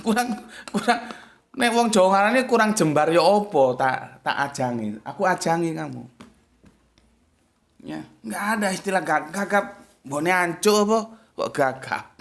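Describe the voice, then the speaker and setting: A man giving an informal religious talk, blunt and combative, with big swings up and down in pitch. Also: lively intonation, a little slow, creaky, long pauses. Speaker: preacher and debater.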